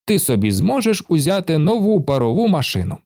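A man's voice: on the high side, very animated, fairly quick, warm tone, no echo, studio quality, pitched above the performer's own voice. A man reading a storybook aloud and voicing a boastful, carefree, plump little man who brushes off every trouble. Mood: breezy.

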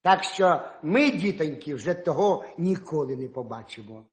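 A man tells a folk tale to children with a lively, expressive delivery. His voice sits fairly high and swings widely in pitch. The room around him rings with echo. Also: moderate pace. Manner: animated, expressive storytelling. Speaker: storyteller.

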